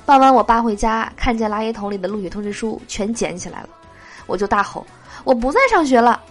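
A woman's voice: medium pitch, quick pace, faint music behind. A woman hosting a joke show, reading jokes aloud with a nasal voice from a cold and laughing at her own punchlines.

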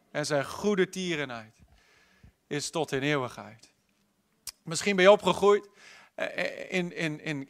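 Bright-voiced preacher man, impassioned. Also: sits high. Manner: impassioned, swinging from loud to hushed. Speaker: pastor. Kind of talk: sermon. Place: church service.

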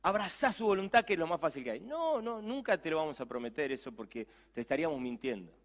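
A youth pastor with a Rioplatense Spanish accent preaches with lively, swooping intonation in a slightly high voice. He presses his points hard and slips into friendly, chatty asides to the congregation. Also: fast talker. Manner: animated, emphatic preaching with conversational asides. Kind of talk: sermon.

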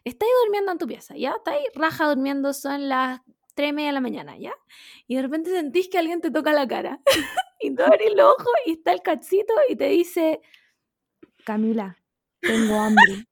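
A woman's voice: high-pitched, a little fast, creaky, dry recording, studio quality. A young Chilean woman co-hosting a podcast, telling stories with lots of laughter and swearing. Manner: laughing, swearing, animated storyteller. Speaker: podcast co-host. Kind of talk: casual chat.

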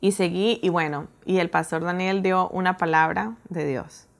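A woman telling a personal story in a casual, animated way, acting out her own reactions. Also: fairly low pitch, normal speed, creaky. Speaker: guest telling her testimony.

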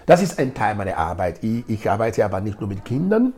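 Very animated and speaking fairly quickly, this integration project leader, a middle-aged man from Nigeria and a native Edo speaker, explains his answers as an interview guest and repeats words to stress points. His voice is lowish and darkish in tone.

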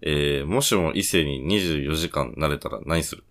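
A man co-hosting a podcast, briskly reading out quick-fire questions in casual chat. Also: very deep voice, fairly bright tone. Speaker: podcast co-host asking questions.

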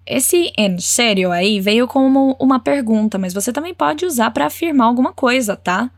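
Woman teaching spanish, says phrases slow and clear, cheers you on, dry close sound. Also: on the high side, lively intonation, no room sound. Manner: encouraging, models phrases slowly and clearly. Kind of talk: language lesson with repeat-after-me drills.

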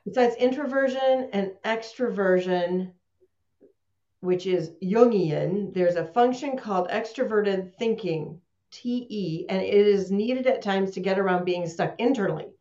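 A woman's voice: mid-range voice, measured pace, warm tone. Female host, casual and talkative, video-call sound in an echoey room. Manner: chatty, laughs often, restarts mid-sentence. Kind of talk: casual talk, live online session. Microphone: computer mic on a video call. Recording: roomy, dull video-call audio.

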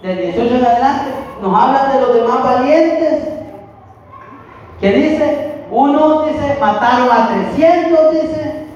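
A man preaching a sermon slowly and haltingly, often calling the listeners "hermano". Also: very high voice, animated, a little mellow, slight background noise. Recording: distant, echoey hall, muffled.

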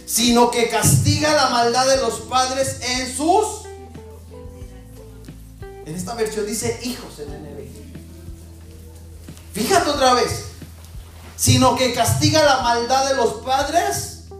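A woman preacher delivering an animated sermon, mimicking people in mocking voices. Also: on the high side, slow pace, long pauses. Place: large echoing church hall. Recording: very echoey hall with faint music.

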